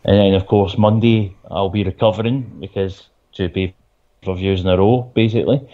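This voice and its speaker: A man's voice: low voice, steady tone, moderate pace, warm tone, dull audio. A man with a Glaswegian accent co-hosting a podcast in casual, dry, matter-of-fact chat with some swearing. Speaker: podcast co-host. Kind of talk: casual chat about wrestling and gaming.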